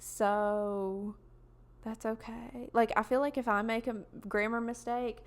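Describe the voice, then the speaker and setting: A woman's voice: a little high, fairly even intonation, takes it slowly. A young woman, hosting a casual solo podcast in a rambling, chatty way full of fillers. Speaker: podcast host.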